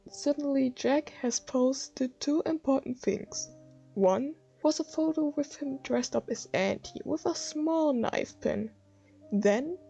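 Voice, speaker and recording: A woman's voice: high-pitched, gravelly, dark tone, dull audio. A woman with a German accent, narrating a scripted fan-theory summary in earnest.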